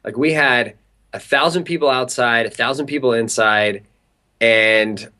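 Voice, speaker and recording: Chatty and full of fillers, a young Southern California man recounts an animated story while being interviewed as a guest. His pitch is medium and his pace a little slow.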